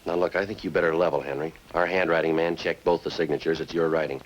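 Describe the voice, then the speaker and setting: A very deep male voice, steady in tone and fast, comes through with a lo-fi quality on a noisy old-time radio recording. He's acting as a methodical sergeant of police in a 1950s crime drama on radio, keeping things clipped, understated and matter-of-fact.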